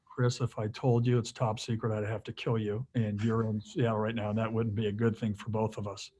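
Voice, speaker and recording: Rambling basketball coach at a press conference. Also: male voice, on the low side, level tone, fairly quick, dark tone, breathy edge. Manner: rambling, frequent fillers and restarts, joking.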